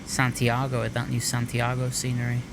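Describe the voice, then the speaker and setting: A man's voice: mid-range voice, completely flat delivery, moderate pace, vocal fry. A man streaming a flight simulator, mixing casual commentary with pilot radio calls. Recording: very loud cockpit engine and air noise.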